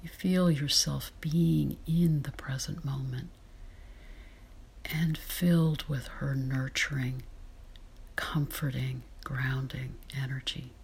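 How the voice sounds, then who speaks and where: A woman leading a guided meditation in a soft, breathy whisper, slow and soothing. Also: a bass voice, little pitch movement, slight background noise.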